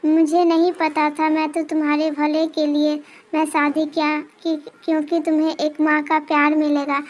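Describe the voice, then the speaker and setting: A remorseful middle-aged father from a cartoon story, full of apology and regret, read by a woman. The voice stays high and even, with a flat contour. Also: normal speed, natural voice.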